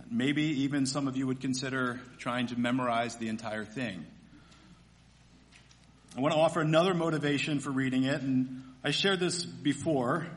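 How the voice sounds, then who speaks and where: A man preaching a sermon at a pulpit microphone, reading scripture and praying in an earnest, measured way. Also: mid-range voice, fairly bright tone.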